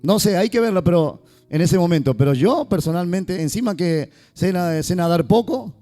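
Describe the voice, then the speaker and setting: Male pastor, warm lively sermon delivery, faint guitar underneath. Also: high-pitched, normal speed. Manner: lively, joking asides to the congregation.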